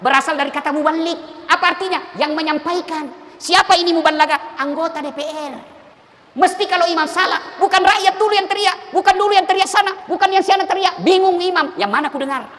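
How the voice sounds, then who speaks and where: A middle-aged man preaching a humorous sermon, animated and joking, acting out little scenes. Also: very high-pitched. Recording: long hall reverb.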